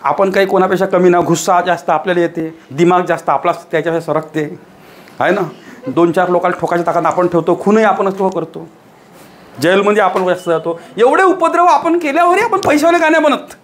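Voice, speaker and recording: This is a man delivering a motivational lecture to a live audience. His voice sits high, and he drives every point home with rhetorical questions and repetition. A faint hum of the room sits behind him. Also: fairly even intonation, fairly quick. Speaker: teacher giving a motivational talk.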